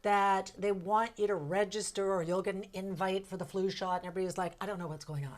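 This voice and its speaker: A woman hosts a casual broadcast interview in a mid-pitched voice. She talks informally and puts her own opinions into her questions and introductions. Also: fairly even intonation, quick pace. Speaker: broadcast host.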